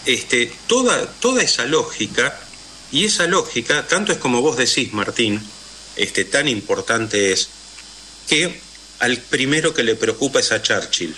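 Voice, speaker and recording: A man's voice: mid-range voice, lively intonation, a little slow, pushed and bright, a little hiss or hum. A man with a Rioplatense Spanish accent, a guest in a radio interview, telling historical stories with frequent "eh" and "este" fillers.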